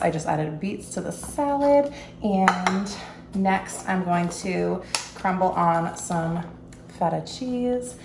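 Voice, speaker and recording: A woman's voice: on the low side, gravelly, reverberant, background noise. A young woman in her twenties chatting casually to the camera in her kitchen while making food, bubbly and full of "you guys" and "like". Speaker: vlogger. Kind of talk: casual vlog chat. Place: home kitchen. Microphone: camera mic, then phone.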